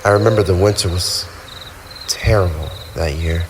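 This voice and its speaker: A male actor plays a lonely, centuries-old vampire, a brooding tsundere with wounded pride, in an ASMR roleplay monologue spoken to the listener. His very low voice is wistful and resigned, with formal diction, theatrical phrasing and sighs, lightly acted at a moderate pace. Crickets and owls sound clearly through the noisy night ambience.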